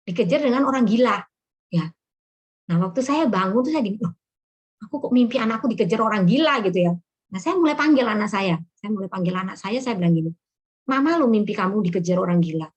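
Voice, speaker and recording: Husky-voiced middle-aged woman preacher. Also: a little high. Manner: storytelling with chuckles and acted quotes. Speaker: prayer minister. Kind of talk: sermon testimony.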